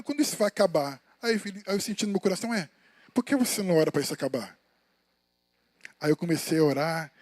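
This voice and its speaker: A Brazilian man preaches an informal sermon, swapping between exhortation and chatty personal anecdotes. His voice sits high for a man. The sound is dry, with little room echo. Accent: Brazilian Portuguese. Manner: colloquial, storytelling, addresses listeners as brothers. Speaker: evangelist preaching. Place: church sanctuary.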